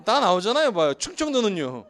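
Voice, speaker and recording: A man's voice: high voice, a little fast, a faint crowd. A male pastor from Seoul preaching a sermon in a church and joking with the congregation. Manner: joking with the congregation, lively asides. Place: church sanctuary.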